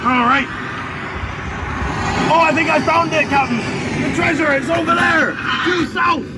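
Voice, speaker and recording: A man's voice: extremely high pitch, steady tone, unhurried, very noisy. A man playing a bumbling young pirate sidekick, talking theatrically in a live outdoor street show. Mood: excited. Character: doubtful, bumbling pirate lad, the captain's sidekick. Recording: outdoor street recording with music, crowd, vehicles.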